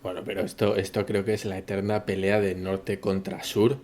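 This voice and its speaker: A man with a Spain Spanish accent steers a casual podcast talk, asking questions and keeping it moving. His voice is fairly low. A faint ambient hum runs under it. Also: flat delivery, moderate pace, darkish tone. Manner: asks questions, moderates. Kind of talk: casual chat.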